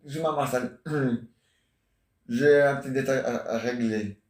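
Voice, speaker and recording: A man's voice: medium pitch, takes it slowly, far from the mic. A man in his forties rambling and joking in casual chat, teasing banter. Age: 40s. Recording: echoey room.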